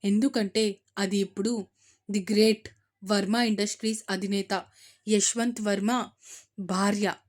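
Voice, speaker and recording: A worried father who talks down his angry wife with steady firmness, as a woman narrator puts him on. The delivery is measured and serious, in a spoken storybook. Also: mid-range voice, close to an everyday voice. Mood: grave. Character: worried middle-aged father, firm.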